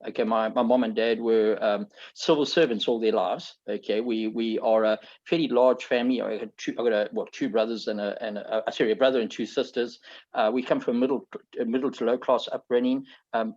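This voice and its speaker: A middle-aged man from Zambia, a founder telling his life story in a relaxed, rambling way, often repeating words and saying "okay". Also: medium pitch, highs cut off. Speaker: founder being interviewed. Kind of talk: conversational storytelling.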